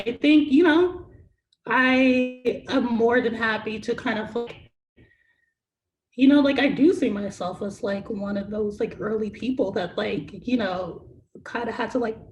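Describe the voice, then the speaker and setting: A young adult singer with a naturally high voice chats casually in an interview, plugging every pause with "like" and "you know what I mean." The room is echoey and there is faint noise.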